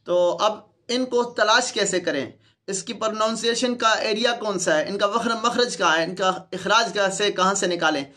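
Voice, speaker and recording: A man with a Pakistani Urdu accent teaches letter pronunciation in an online lesson, speaking into a close mic. His voice sits high and carries a bright edge. He repeats each sound patiently for demonstration. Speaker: Quran teacher.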